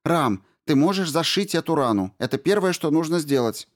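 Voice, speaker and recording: A man voicing an urgent, commanding female mission doctor in an audiobook, higher than his own voice. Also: animated, normal speed, natural voice. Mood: urgent brisk. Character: brisk female mission doctor giving orders.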